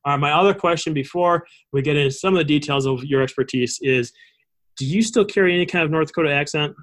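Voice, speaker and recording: Male interview host, voice a touch high, halting and rambling conversational delivery. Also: fairly bright tone. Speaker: show host.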